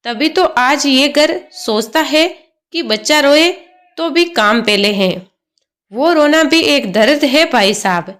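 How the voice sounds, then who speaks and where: A woman's voice: high voice, slow pace, heavily acted. A woman voicing a firm, protective young mother. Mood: resolute. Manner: calm, resolute, pleading.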